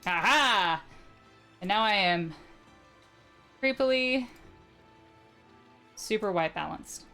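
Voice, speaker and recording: Young gal streaming a game, giggly and self-mocking, lively voice, soft game music. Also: female voice, medium pitch, takes it slowly, clean tone. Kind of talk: casual let's-play live stream.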